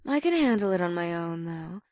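A man voicing a calm, flirtatious female succubus who owns a club, speaking softly with a purr. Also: fairly quick, dry recording, studio quality. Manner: soft, low, purring delivery.

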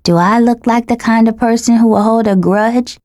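A woman voicing a soft, sadistic boy godling. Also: on the high side, steady tone, normal speed, dry recording, studio quality, voice pushed up, lightly acted. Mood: smug mocking. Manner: soft, smug, mocking. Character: cruel young boy godling, gleeful, sadistic. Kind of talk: audiobook character voice.

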